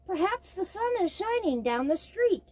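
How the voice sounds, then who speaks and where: A woman's voice: extremely high pitch, very animated, normal speed, darkish tone, rough recording. Plaintive little storybook cat by a woman, for toddlers. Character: forgetful, sorry-for-itself female pet cat, thinking aloud.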